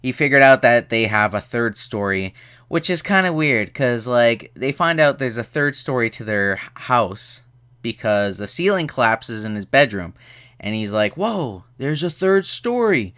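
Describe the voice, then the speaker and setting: A man's voice: medium pitch, lively intonation, normal speed, sharp tone, smooth. A tired young man casually reviewing a horror movie, rambling and sarcastic, with lots of fillers.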